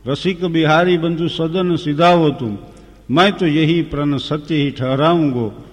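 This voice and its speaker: A man's voice: on the high side, a little slow. A man voicing the grieving young prince Rama, vowing in a solemn, half-sung verse. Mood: chanting. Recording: long hall reverb.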